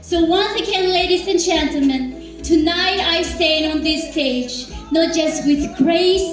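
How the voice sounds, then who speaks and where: A high-voiced young woman from Nagaland speaks slowly and earnestly, pausing for effect. She is heard from a distance across a booming, echoey hall, with music playing behind her. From Nagaland, India. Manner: earnest, measured, with dramatic pauses. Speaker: pageant contestant. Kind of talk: rehearsed stage speech. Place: large hall stage.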